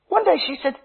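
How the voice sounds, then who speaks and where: A man, a minister, preaching a sermon with a husky voice, slow emphatic phrases that drop to a hush, and humorous stories. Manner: dramatic preaching, slow emphatic phrases dropping to hushed tones; humorous storytelling. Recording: tinny phone-like sound.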